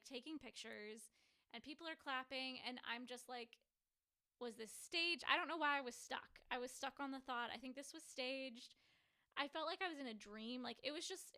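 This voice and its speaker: A woman's voice: high-pitched, pushed and bright. Sleepy, chatty woman in her forties. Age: 40s. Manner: rambling, chatty, many fillers. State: sleepy, yawning. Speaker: healing coach. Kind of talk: casual personal storytelling.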